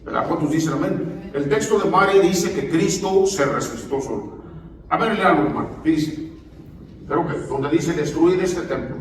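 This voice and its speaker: A man preaches a sermon, calling on his congregation for amens as he explains the text. His voice sits a little high and carries through a long, echoing hall. He is heard from some way off the mic, with faint room noise. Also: animated, normal speed. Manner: call-and-response preaching, often asking the congregation for amens. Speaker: pastor. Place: church hall. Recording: echoey hall, voice far from the mic.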